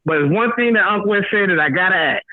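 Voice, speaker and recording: A man calling in to a talk show, asking a rambling, halting question. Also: high-pitched, lively intonation, no room sound. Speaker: caller. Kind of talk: casual call-in talk. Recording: tinny phone line.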